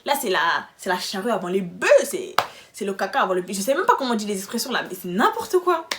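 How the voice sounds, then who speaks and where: A young woman telling a storytime vlog in an animated, slangy, quick way. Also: medium pitch, noisy background. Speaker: vlogger.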